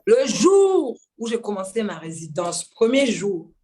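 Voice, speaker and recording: A woman from Mayotte recounts her singing career in a relaxed interview. She talks with bursts of laughter and acts out the voices of the people she quotes. Her pitch is of middle height for a woman. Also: measured pace. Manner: lively, laughing, acts out dialogue. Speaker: guest singer. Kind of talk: casual storytelling interview.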